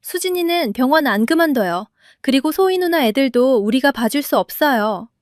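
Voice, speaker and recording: A woman voicing an earnest young husband who pleads but stands firm, in a lowered voice. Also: animated, normal speed, dry recording, studio quality.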